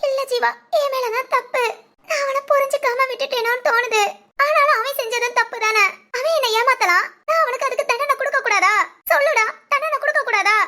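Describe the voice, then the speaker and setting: A woman's voice: extremely high pitch, a little fast, sharp tone. A woman voicing a young village woman in a Tamil cartoon drama, emotional and fiery, pleading and scolding. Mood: tearful. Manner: pleading, sobbing, then scolding.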